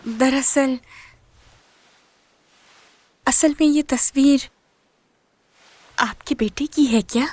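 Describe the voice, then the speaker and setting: A woman's voice: sits high, slow, darkish tone. A woman dubbing a flustered, pleading young woman. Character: anxious young woman wooing an older woman's favor. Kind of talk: dubbed TV drama. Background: music.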